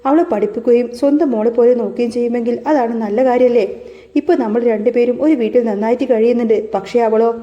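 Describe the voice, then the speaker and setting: A woman voicing a gentle, feverish young woman who talks softly and soothingly. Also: fairly high pitch, fairly even intonation, fairly quick, lo-fi sound, close to an everyday voice. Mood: gentle, reassuring.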